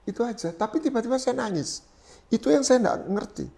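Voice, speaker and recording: A middle-aged man from East Java, a pastor telling his personal testimony in an interview, animated and swinging between loud and soft as he acts out his own prayers, with English phrases dropped in. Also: extremely high pitch, a little fast, creaky. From East Java, Indonesia. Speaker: pastor, guest.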